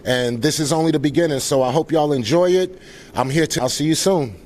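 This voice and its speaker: A man's voice: on the high side, brisk, background noise. A man speaking as a founder presenting at a live event, informally welcoming guests in an earnest, grateful way.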